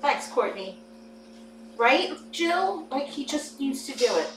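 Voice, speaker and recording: A woman in her forties hosting a kitten livestream, chatting casually and cooing softly to the kittens. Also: on the high side, normal speed. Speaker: host of a kitten rescue livestream. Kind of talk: casual chat and talking to kittens. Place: indoor cat playroom. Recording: roomy, distant mic, noisy background.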